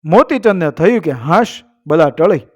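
A male storyteller, narrating a folk tale in a lively way that is full of proverbs. His voice sits slightly high for a man. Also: moderate pace.

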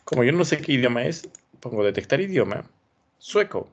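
A man's voice: medium pitch, expressive, quick pace. A man teaching an online class, thinking aloud and encouraging as he reviews students' work. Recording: dull lo-fi sound.

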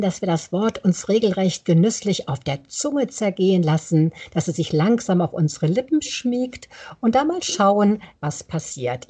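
A woman who hosts a laughter yoga podcast, gently coaxing listeners through exercises and laughing often as she explains. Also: mid-range voice, husky.

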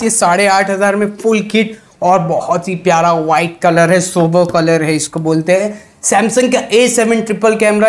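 A young adult man, a second-hand phone seller, gives a chatty sales pitch to camera presenting the stock in his small indoor mobile phone shop, mixing in English words. He is recorded on a lapel mic.

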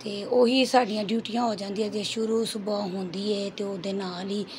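A middle-aged woman with a Punjabi accent and a hoarse throat, chatting homely through her daily cooking vlog. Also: medium pitch, steady tone, moderate pace, darkish tone, a little hiss or hum. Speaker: cooking vlogger. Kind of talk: casual vlog voice-over.

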